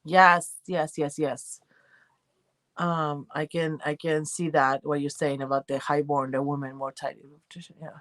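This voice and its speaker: Hosting a relaxed livestream, a chatty woman with a light Argentine accent drifts from thought to thought while reading and responding to comments from viewers. She speaks unhurriedly in a voice a little low for a woman, and the audio is dry and close with no room echo.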